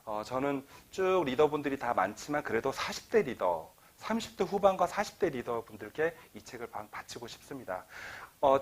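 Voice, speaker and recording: Animated middle-aged man giving a lecture. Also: a little high. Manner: animated storytelling, acts out quoted dialogue. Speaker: author giving a book talk. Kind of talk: lecture to an audience. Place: lecture hall.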